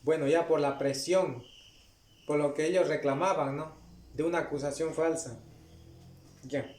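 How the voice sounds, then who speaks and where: A man's voice: on the high side, steady tone, a little mellow. A man preaching a Bible study, reading passages aloud and checking in with his listeners as he goes. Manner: frequent "¿no?" and "ya" tags, unhurried. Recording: echoey room.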